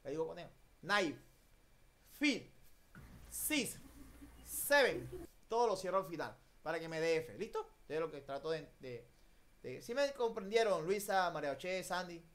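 Un profesor de inglés con acento latinoamericano en una clase en línea por videollamada, que corrige la pronunciación con entusiasmo y mezcla español e inglés. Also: male voice, a little high, a little fast. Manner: lively, drills pronunciation, mixes Spanish and English. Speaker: English teacher. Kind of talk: online class. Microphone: video call.

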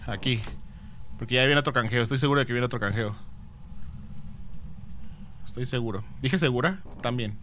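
Streamer guy, bright voice, reads chat and yelps a lot, bit of noise behind. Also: mid-range voice, normal speed, long pauses. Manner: chatty, reads out chat and thanks viewers, dramatic exclamations. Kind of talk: live game stream with chat.

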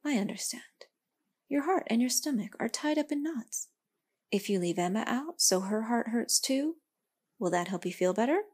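Brief: a woman doing a wise, gentle old tree giving advice, soft and husky. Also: a little high, normal speed, voice pushed up. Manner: calm, gentle, reassuring.

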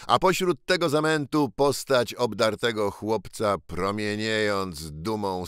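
A man reads a classic novel aloud as an audiobook, unhurried and measured. His pitch moves expressively through each sentence, while his pace stays slow and deliberate. He is recorded on a close studio microphone, and the sound is dry with no room echo. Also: a bit bright, clean tone. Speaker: audiobook reader.

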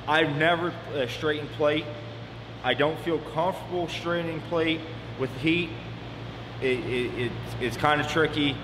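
A man in his thirties with a slightly high voice gives practical, plain-spoken welding instruction while demonstrating fabrication in a big metal shop. A camera mic picks him up from a distance, and the shop is echoey with long reverb and background noise.

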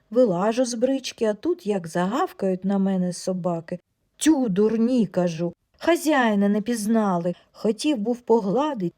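A woman reads a humorous folk story aloud, lively and expressive in the telling. Her tone is mellow and soft-edged at a middling pitch. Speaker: audiobook narrator. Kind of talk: storytelling audiobook narration.

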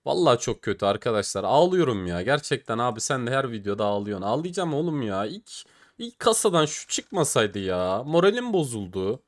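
Animated Turkish-accented gaming commentator, man. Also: medium pitch, fairly quick. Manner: animated, swears and groans at losses. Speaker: gaming YouTuber. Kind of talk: casual case-opening commentary.

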